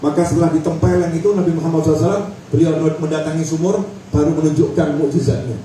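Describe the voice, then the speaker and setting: A man preaching a Ramadan sermon with animated swings between loud exhortation and low drawn-out words, repeating phrases in rhythmic runs. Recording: echoey, from far off, faint noise.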